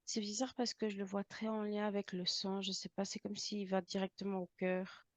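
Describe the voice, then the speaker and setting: A woman with a French accent, describing impressions in a halting way, often pausing to search for words. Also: mid-range voice, little pitch movement, no room sound. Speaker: intuitive medium. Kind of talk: hesitant channeled description.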